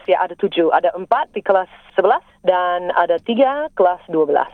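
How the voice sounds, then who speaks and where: A woman's voice: on the low side, expressive, fairly quick, no room sound. A middle-aged Australian woman, a native English speaker, answering interview questions in Indonesian as a foreigner, in simple careful phrases with the odd English word. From South Australia. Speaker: Indonesian language teacher and interview guest. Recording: tinny narrow-band phone line.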